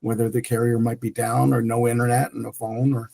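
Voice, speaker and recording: A middle-aged tech entrepreneur, a native French speaker, recounts his career story as an interview guest, restarting often and using many fillers. His medium-pitched voice is mellow with vocal fry, and his delivery is flat and brisk.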